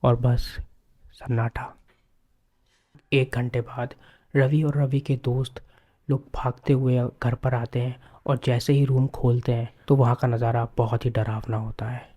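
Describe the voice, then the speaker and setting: A man's voice: mid-range voice, level tone, moderate pace, mellow. A man narrating a horror story in a casual, conversational way with repeated filler words.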